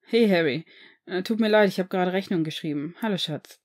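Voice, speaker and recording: A woman's voice: fairly low pitch, a little fast, lightly acted. Brief: a friendly young former team captain, slightly awkward, rambling, read by a woman, audiobook.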